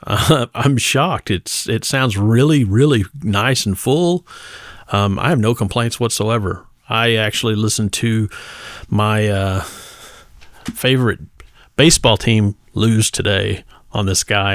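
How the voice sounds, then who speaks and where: Speaking casually as a gadget reviewer, a man shows off a product, faltering with pauses in the middle of phrases. His pitch sits on the low side, and the studio-grade audio carries no room sound.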